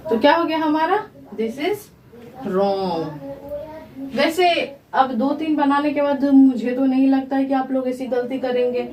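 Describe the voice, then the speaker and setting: The teacher here has a high, slightly mellow voice and gives a slow English grammar lesson explained in Hindi. She repeats her questions to the class and answers them on her own, recorded from afar in an echoey space.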